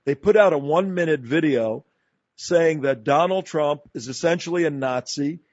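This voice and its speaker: A man's voice: on the high side, moderate pace, a little mellow, dry recording. A man hosting a talk radio show, speaking emphatically and combatively in long run-on sentences. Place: radio studio. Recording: dull, dry studio broadcast.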